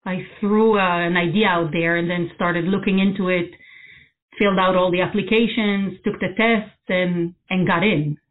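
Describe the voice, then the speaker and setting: A woman's voice: lowish voice, fairly even intonation, normal speed. Woman on a tinny line. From Israel. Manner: thoughtful, many ums and restarts. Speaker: guest architect. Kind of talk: casual interview answers. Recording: phone-like narrow sound.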